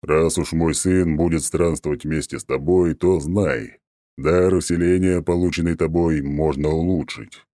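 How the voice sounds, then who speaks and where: Man voicing a smug, very deep oak god. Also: fairly even intonation, measured pace, warm tone, dry recording, studio quality. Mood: smug, haughty. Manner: haughty, mocking, condescending. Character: smug arrogant ancient male oak god.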